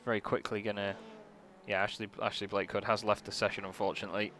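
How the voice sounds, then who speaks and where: A man giving live sim racing commentary as a motorsport commentator, casual, chatty and excitable. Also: fairly low pitch, fast. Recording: noisy, car engine sound behind. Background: racing car engines.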